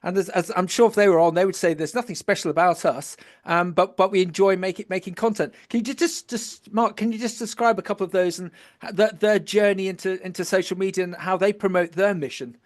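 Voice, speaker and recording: A man's voice: high voice, steady tone, brisk. A male host in a casual interview, talking with frequent fillers and restarts. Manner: hesitant, many restarts and fillers.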